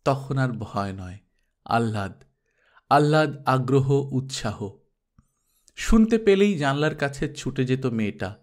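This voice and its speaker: A male audiobook narrator reads a literary novel in a tender, deliberate manner. His pace is very slow and his voice sits at a medium pitch. Each phrase is given room to settle. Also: lively intonation.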